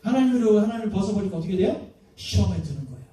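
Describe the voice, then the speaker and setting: High-voiced pastor preaching in echoey hall. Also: male voice, sing-song, very fast, mellow, a little hiss or hum. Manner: conversational preaching, frequent rhetorical questions to the congregation. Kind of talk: sermon. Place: church sanctuary. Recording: echoey church hall, from a distance.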